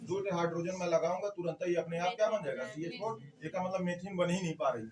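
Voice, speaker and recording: Male chemistry teacher, high voice, coaxing Q&A classroom style, slightly off-mic with faint room noise. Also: fast, a little mellow, far from the mic. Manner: questions the class and answers himself, coaxing. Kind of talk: classroom lecture.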